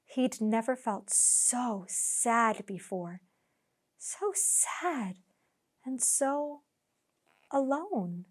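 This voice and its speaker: Lady reading kids story like a teacher, high voice, slow, super expressive. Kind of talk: expressive children's storybook narration.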